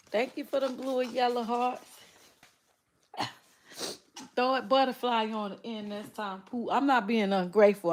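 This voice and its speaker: A woman's voice: on the high side, a little hiss or hum. A middle-aged woman, chatting casually with viewers on a livestream, teasing and laughing often. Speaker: livestream host.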